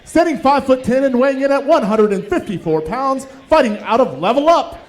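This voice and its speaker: A man works as a boxing ring announcer in a high-pitched, very lively voice. He delivers formal introductions with a booming projection. Names get stretched out for show. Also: brisk.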